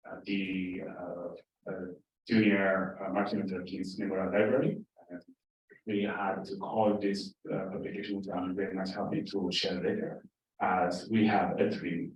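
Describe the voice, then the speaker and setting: A man's voice: fairly low pitch, highs cut off. A man from Ethiopia making remarks at a forum, hesitant and full of fillers. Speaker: forum contributor. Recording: echoey hall, speaker far from mic.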